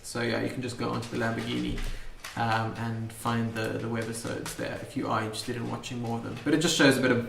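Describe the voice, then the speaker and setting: A man's voice: mid-range voice, little pitch movement, fast, gravelly, few pauses. A man hosting a casual live stream who rambles with lots of fillers. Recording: echoey room, faint noise.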